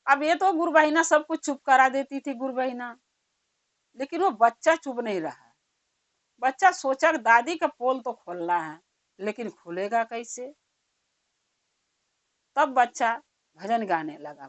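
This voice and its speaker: A woman's voice: fairly high pitch, expressive, measured pace, pauses often, no echo. A woman storyteller narrating a devotional folk story in a conversational, folksy way.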